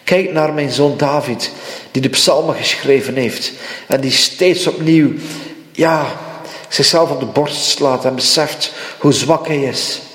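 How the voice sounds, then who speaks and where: A man's voice: medium pitch, a little slow, a bit bright. A man preaching a prophetic sermon, speaking fervently in God's first person, with repeated rising phrases. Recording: echoey hall with long reverb.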